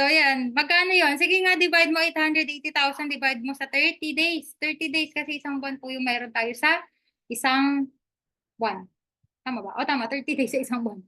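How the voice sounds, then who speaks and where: A woman's voice: sits high, sharp tone. A woman giving a live online business presentation, chatty and upbeat, switching between English and Tagalog, often asking "di ba?" and laughing as she talks. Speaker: affiliate marketing presenter.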